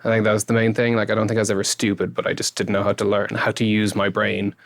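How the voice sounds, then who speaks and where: A man in his thirties with a west of Ireland accent and a low voice that often drops into fry. He talks informally and loosely, rephrasing as he goes, like a guest in a relaxed interview. The sound is close and dry. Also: quick pace, no room sound. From Galway, west of Ireland. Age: 30s. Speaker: interview guest, YouTube creator and engineer. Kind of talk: casual interview chat.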